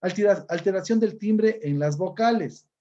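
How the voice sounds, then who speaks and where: A male teacher from Ecuador, speaking with an Ecuadorian accent in a fairly high but dark, mellow voice. He explains patiently and keeps checking in with his listeners. The recording is dull and muffled. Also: normal speed. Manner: explanatory, often adds "¿no es cierto?". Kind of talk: recorded class lesson.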